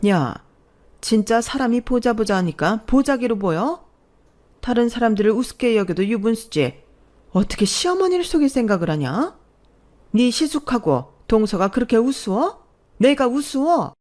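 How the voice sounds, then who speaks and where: A woman's voice: mid-range voice, lively intonation, normal speed, darkish tone, lightly acted. A woman voicing an angry older mother-in-law who scolds and lectures sternly in a read-aloud story. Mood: furious. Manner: scolding, commanding. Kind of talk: storybook voice acting.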